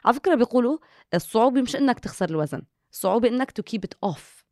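Rapid-fire Levantine Arabic woman. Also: fairly high pitch, animated, warm tone, no echo, studio quality. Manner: mixes English words into Arabic. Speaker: co-host. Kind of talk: conversational podcast discussion.

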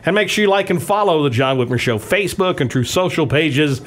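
A man's voice: a little high, animated, a little fast. A man hosting a radio talk show, reading a scripted introduction. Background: music bed.

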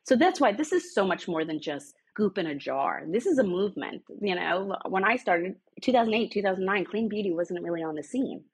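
Husky woman in her middle years, sassy storyteller, guest on a talk show. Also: mid-range voice, lively intonation, a little fast, few pauses, poor audio. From United States. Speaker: guest, clean beauty brand founder. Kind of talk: conversational storytelling interview.

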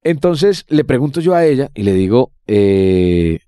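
A man's voice: mid-range voice, sing-song, unhurried, dark tone, clear, resonant tone, no echo, clean studio sound. A young man with a Colombian accent, co-hosting a podcast in casual, crude, joking banter. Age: young adult. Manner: slangy, joking, talks in bursts. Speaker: podcast co-host.

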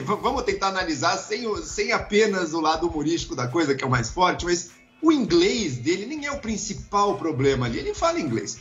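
A man's voice: high voice, a bit bright. A man with a slightly raised voice comments with animation on a talk panel, laughing easily and stumbling over his restarts. The audio is a little muffled, with faint music underneath. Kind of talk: lively opinion commentary.

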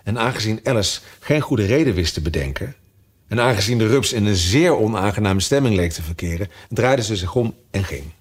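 A male narrator reads a fairy tale aloud. His voice sits low and a little husky, and he swings it up and down with lively storytelling expression. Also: brisk. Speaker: audiobook narrator. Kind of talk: storybook reading with character voices.

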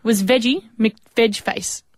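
A woman with a broad, slightly rough Australian accent, bantering casually and playfully as a radio co-host. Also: on the high side, takes it slowly, dry recording. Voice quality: a little rough-sounding. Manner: playful, self-deprecating, colloquial. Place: radio studio.

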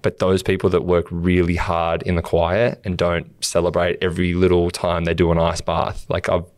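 A man's voice: sits low, monotone, normal speed, dry recording, clean studio sound. An Australian man co-hosting a podcast, talking earnestly in a casual motivational chat and acting out things he would say to himself. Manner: earnest, acts out quotes of himself. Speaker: podcast co-host.

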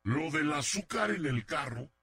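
Slow, animated man hosting comic radio. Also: fairly high pitch, slightly rough. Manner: theatrical, mock-scandalized interrogating. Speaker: radio host. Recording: loud hum behind.

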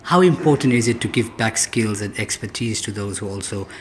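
A man asking formal, measured interview questions for a news piece. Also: fairly low pitch, background noise.

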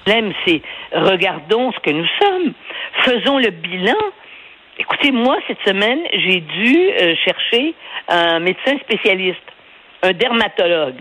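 An older woman with a Québécois accent chats on a radio program. She is lively and digressive, laughs often, and restarts her sentences as she goes. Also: medium pitch, measured pace, poor audio. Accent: Québécois French. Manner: animated, rambling, laughs often, restarts and stammers. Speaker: newspaper columnist guest. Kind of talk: radio interview conversation.

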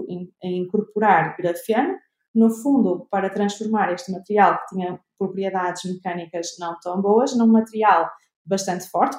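A woman's voice: on the low side, a little mellow, reverberant. A young woman with a European Portuguese accent, a researcher answering interview questions, hesitant with many fillers and restarts. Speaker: researcher guest.

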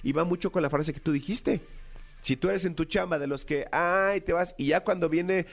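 A Mexican man co-hosting a podcast in casual chat, asking questions over and over and quick to agree. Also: a little high, creaky.

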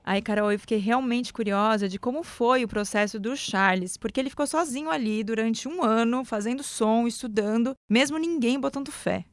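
A woman host narrating a podcast episode in a clear, even way. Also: a little high, moderate pace, few pauses, no echo. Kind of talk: scripted narration.

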